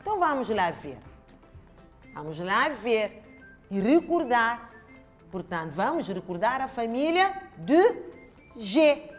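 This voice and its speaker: A woman's voice: fairly high pitch, very animated, slow, pauses often, faint music behind. A woman with a European Portuguese accent teaching young children in a home-learning lesson, stretching out syllables with exaggerated emphasis. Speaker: primary school teacher.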